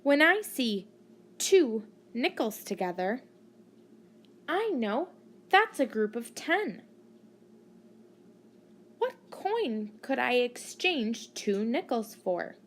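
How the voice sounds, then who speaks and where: A woman teacher narrating a maths lesson for children, deliberately teaching a child to count and putting questions to the listener. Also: fairly high pitch, big pitch swings. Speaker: primary school maths teacher.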